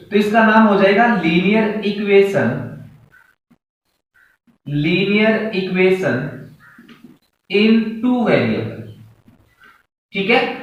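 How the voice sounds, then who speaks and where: Slow high-voiced male teacher, echoey. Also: fairly bright tone. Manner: slow, step-by-step explaining with questions to students. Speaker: maths teacher. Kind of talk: classroom maths lesson. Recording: echoey room, far from mic.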